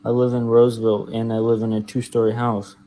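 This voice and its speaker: A man talking through a voice changer that drops his pitch, sounding confused and accusing. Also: completely flat delivery, fast talker, mellow. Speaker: clip of a caller on a live stream. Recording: dry, tinny phone-like playback.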